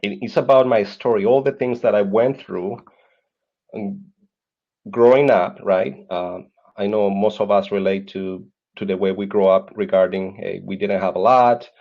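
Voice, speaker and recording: This podcast guest is a Colombian man in his thirties who earnestly walks through his life story with a Colombian Spanish accent, repeating words often as he gropes for them. His voice is lowish and moderately paced, and the lo-fi sound is dull.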